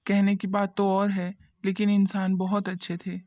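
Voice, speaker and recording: A woman's voice: medium pitch, monotone, moderate pace, dark tone, no room sound, close to an everyday voice. Woman playing a gossipy village uncle, rambling, tactless, cartoon, muffled dry lo-fi sound. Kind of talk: cartoon voice acting.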